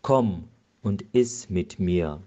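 A priest lowering his voice into a calm, kindly visitor who speaks quietly and unhurried. His tone is low and gentle. The sound is dull and lo-fi. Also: exaggerated voice. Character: calm kindly male visitor, God in disguise.

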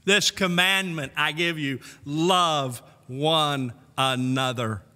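Bright-voiced older pastor preaching in a hall. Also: male voice, a little high, takes it slowly. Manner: earnest, with warm little laughs and rhetorical questions. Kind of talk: sermon. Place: church sanctuary. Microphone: pulpit microphone on a stand. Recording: long church hall reverb.

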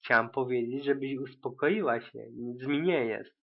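A man voicing a calm, bookish young unicorn mare who talks in a patient, reassuring, slightly weary way, in an amateur audiobook reading. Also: mid-range voice, moderate pace, close to an everyday voice. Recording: tinny, phone-like lo-fi sound.

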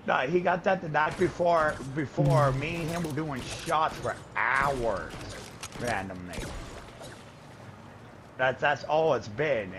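A man's voice: on the high side, takes it slowly, background noise. A man playing a video game with a friend, talking casual trash with cocky, profane slang. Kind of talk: casual gaming trash talk.

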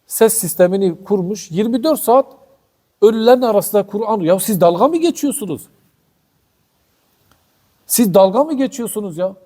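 A man preaching religious commentary in a fiery, indignant way, firing off rhetorical questions at his listeners. His voice sits high for a man, with a dark, mellow tone. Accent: Turkish. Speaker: Quran commentary teacher. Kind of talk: passionate religious commentary talk.

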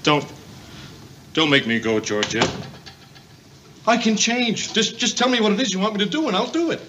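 A man's voice: sits high, sing-song, normal speed. An actor in his fifties playing a vain, childish, needy boyfriend in a 1970s sitcom, theatrical and blustering. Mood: pleading. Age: 50s. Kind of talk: 1970s multi-camera sitcom acting. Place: TV studio set, indoors. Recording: noisy vintage TV studio soundtrack.

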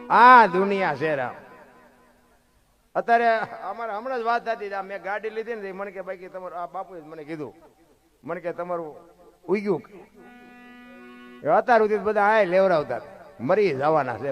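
A man with a high-pitched voice tells devotional stories in a fervent, folksy way. He leans into earthy asides and now and then draws a phrase out into song. Plucked guitar music plays clearly behind him. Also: fairly bright tone. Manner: fervent, folksy, swings into drawn-out sung phrases. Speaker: dayro storyteller and bhajan singer. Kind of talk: devotional storytelling with sung bhajan lines.

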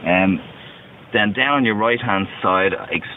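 A man's voice: on the low side, measured pace. A man in his thirties, inside a parked car, patiently explaining car features step by step, recorded from some distance on a tinny, lo-fi device. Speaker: car company representative. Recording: distant, tinny, lo-fi with faint noise.

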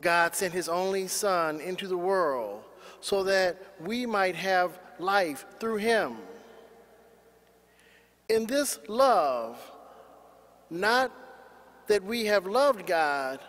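A man reading the gospel aloud at mass in a measured, solemn way, his voice carried by a cathedral echo. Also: sits high, expressive, fairly bright tone. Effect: cathedral echo, long church reverb. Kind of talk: liturgical scripture reading. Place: large church. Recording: long reverb in a large church.

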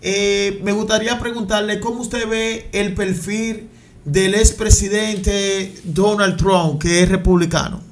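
A young man hosting an interview from a studio set with a headset mic, asking long, wordy questions with flattering build-ups. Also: high voice, a little slow, a little hiss or hum. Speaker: interview host. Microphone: headset mic on a stand in a studio set.

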